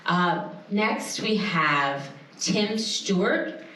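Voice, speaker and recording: A woman emcee speaks slowly and encouragingly as she introduces young readers at a festival event. She is picked up by a distant camera mic, so her voice sounds far off and washes into a very echoey hall. A steady noise sits behind her. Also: on the low side. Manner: encouraging, brief praise between readers. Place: book festival event space.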